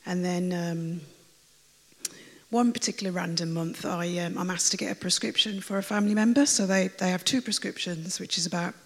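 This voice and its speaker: A woman with a raspy, croaky voice that always sounds like she has a cold, chattily telling her testimony to a church congregation, rambling with fillers and restarts. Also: on the low side, fairly even intonation, brisk. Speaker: church member giving a testimony. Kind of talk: personal testimony told to a congregation. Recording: long reverb of a large hall.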